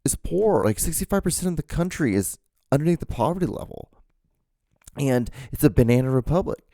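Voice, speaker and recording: A man from Honduras hosting a podcast, talking through a casual monologue in an emphatic, halting way, with many restarts and fillers. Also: a little high, animated, dark tone, no room sound, clean studio sound. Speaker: podcast host.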